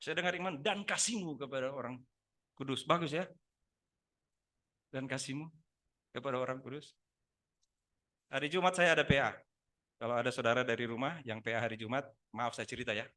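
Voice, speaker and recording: A male pastor preaching a Sunday sermon, talking lively with many rhetorical questions and acted-out prayers and dialogues. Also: mid-range voice, brisk, long pauses. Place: church sanctuary.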